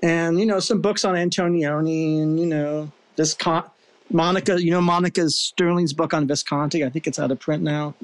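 A male podcast host with a somewhat high-pitched voice. He chats casually and circles around his questions, restarting often and leaning on fillers. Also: steady tone. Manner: rambling, halting questions with many restarts. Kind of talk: casual interview chat.

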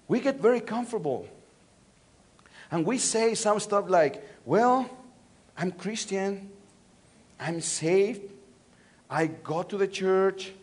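Mexican-accented pastor preaching, high voice. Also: male voice. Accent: Mexican Spanish. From Mexico City. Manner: call-and-response, repeating phrases with swings between loud and soft. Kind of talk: sermon. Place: church.

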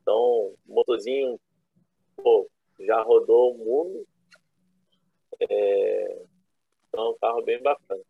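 A man in his thirties with a Rio de Janeiro accent chats in loose, slangy Brazilian Portuguese. His voice is creaky and rough, and it comes through a narrow, phone-like connection as he rambles through casual stories. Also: fairly low pitch, slow, pauses often. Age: 30s. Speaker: guest, classic car owner. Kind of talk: casual storytelling chat. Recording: roomy, thin phone-like internet call.

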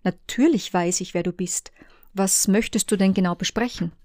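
A woman reading the messages of a conflicted woman, in a hushed, partly whispered delivery. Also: mid-range voice, moderate pace, no room sound, studio quality, close to an everyday voice. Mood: tense. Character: Ines, a torn woman, former lover.

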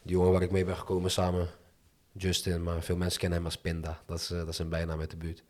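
A man's voice: low-pitched, monotone, fast talker. A young man speaking in casual Dutch street slang, chatting candidly as an interview guest. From moved to the Netherlands from abroad as a child.

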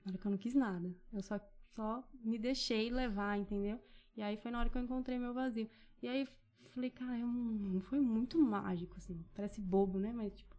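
An earnest Brazilian woman with a slightly high voice talks over her own inner experiences in casual conversation. She quotes what she said to herself and keeps affirming the other speaker. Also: steady tone, normal speed, mellow. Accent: Brazilian Portuguese. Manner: reflective, earnest, says "sim" constantly, quotes her own thoughts.

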